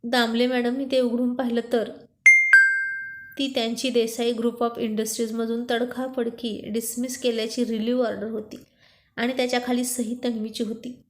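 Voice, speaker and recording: A woman storyteller narrating a serialized romance story in a steady, plain way. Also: fairly high pitch, moderate pace, background noise. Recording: roomy echo.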